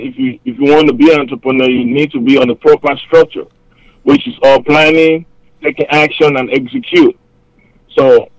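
A man with a Cameroonian accent and a medium-pitched voice guests on an interview show as a hip-hop artist, chatting casually over a remote line. He's upbeat, rambling through quick phrases packed with fillers. The recording is rough, with no room sound.

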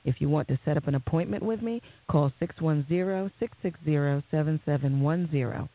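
A woman hosting a talk radio show, reading announcements and news in a measured, formal way. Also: low voice. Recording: tinny phone-like narrow band.

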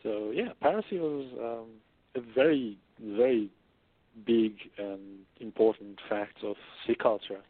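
A male author speaking as a guest in a casual interview, thoughtful and explanatory, pausing often as he works through his points. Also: on the low side, no echo. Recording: dry, phone-like line.

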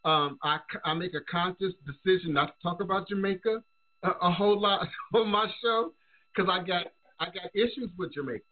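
Higher-pitched American male host, halting delivery. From United States. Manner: halting, repeats words as he reasons. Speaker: show host. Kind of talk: casual discussion. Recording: dull, lo-fi call audio.

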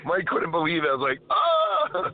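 A man's voice: fairly high pitch, big pitch swings, moderate pace. Man rambling over car speakerphone. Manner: rambling storyteller who keeps interrupting himself. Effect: car speakerphone call while driving. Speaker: caller on a live show. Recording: tinny dry phone line.

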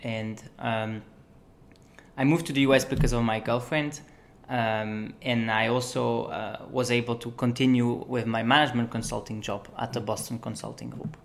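A young man from Belgium speaks as an interview guest in an easy, conversational way. He pauses often with ums and uhs while he explains things in a relaxed, steady flow. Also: mid-range voice, creaky, slight background noise. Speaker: guest, management consultant. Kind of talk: casual interview talk.

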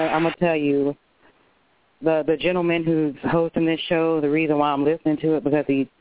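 A woman's voice: sits low, dry recording. A woman calling in to a radio show over a phone line, talking earnestly and personally with a few restarts. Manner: earnest, personal, speaks from the heart with some restarts. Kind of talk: casual call-in chat. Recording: tinny dry phone line.

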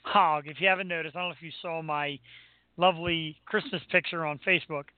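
American guy host, higher voice, rambly and jokey braggy chat, muffled audio. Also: steady tone, brisk, no room sound. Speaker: talk show host. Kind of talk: casual chat.

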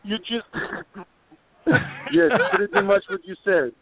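A man puts on a crude, pushy caller, pitched high and steamrolling everyone. The phone line is tinny and dry, with no room around it. He leans on "man" and cuts in constantly. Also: wildly swooping pitch, slow, creaky, no room sound, full character voice. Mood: brash. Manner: brash, talks over others, drawls "man". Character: brash male Syrian refugee caller, crude.

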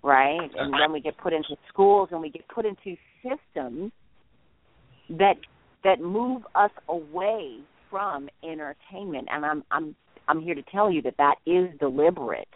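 A man's voice: on the high side, lively intonation, unhurried, creaky, dry recording. A man speaking on speakerphone as a guest on a call-in show, giving an earnest spiritual teaching talk with repetitive phrasing. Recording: tinny dry phone line.

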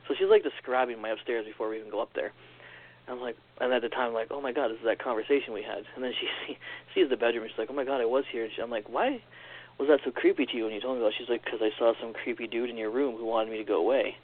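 A man telling a strange personal story in a casual, animated way, acting out what others said, on a phone-like recording. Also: mid-range voice. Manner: animated, quick storyteller acting out quoted lines. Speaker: podcast guest. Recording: tinny phone-like line.

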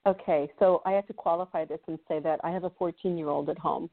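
A woman's voice: on the low side, steady tone, fast talker, narrow, tinny audio. A woman guest on a radio talk show, chatting casually and rambling with many fillers. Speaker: guest psychic. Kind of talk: casual chat.

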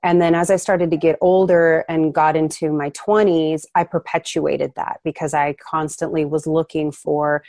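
A woman originally from Ukraine speaks as a podcast guest, earnest and reflective, pausing often. Her voice sits low for a woman. The sound is dry and close, with no room echo. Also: little pitch movement, a little mellow. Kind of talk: conversational interview.

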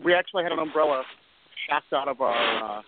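A man's voice: on the high side, fairly quick. A man speaks over a crackly, staticky call that keeps fading in and out, the sound squeezed thin like an old phone line. He talks casually and plainly, handing out practical tips as a panelist on a chat show. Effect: crackly, staticky call line that fades in and out. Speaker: podcast panelist.

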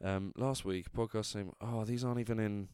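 Drunk, rambling Englishman with low clear voice. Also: steady tone, moderate pace, darkish tone, no echo, clean studio sound. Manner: rambling, trailing off, self-interrupting. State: drunk, tipsy. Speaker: podcast host. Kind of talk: casual solo podcast chat.

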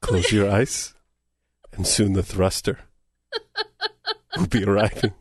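A man putting on a creepy, seductive low voice, crooning slowly to a listener. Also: soft background music. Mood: sultry. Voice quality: low, breathy, lustful crooning.

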